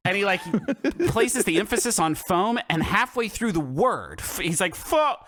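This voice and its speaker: A man's voice: sits high, animated, moderate pace, fairly bright tone, a little hiss or hum. A man co-hosting a casual comedy film podcast, retelling scenes with laughter and filler. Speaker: podcast co-host.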